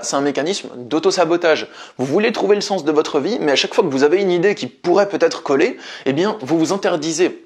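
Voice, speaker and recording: A man's voice: a little high, husky. A man speaking as a life coach, giving earnest, explanatory motivational advice straight to his viewers.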